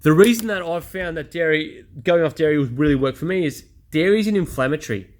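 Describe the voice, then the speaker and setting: Here a fast-talking man in his 30s speaks at a fairly high pitch. His personal vlog is a candid monologue where he casually and bluntly covers his own experience, chatty and quick to put himself down.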